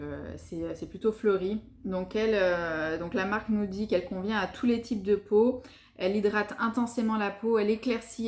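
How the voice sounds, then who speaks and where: Chatty woman vlogger, casual product review with lots of hesitations, mid-pitched voice, echoey room. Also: a little mellow. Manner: chatty, many hesitations, enthusiastic about products. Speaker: beauty vlogger.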